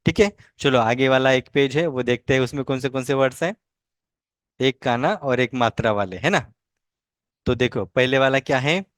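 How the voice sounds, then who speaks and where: A male language teacher leading a pronunciation lesson, repeating each word slowly several times and then explaining patiently. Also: medium pitch, a bit bright, dry recording, studio quality.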